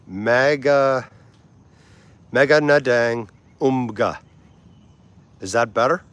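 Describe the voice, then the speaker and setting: This livestream host, a man in his forties, keeps things casual and chatty, laughing readily and sounding out foreign words slowly as he talks with viewers. His voice is medium in pitch, a bit bright, and clean in tone.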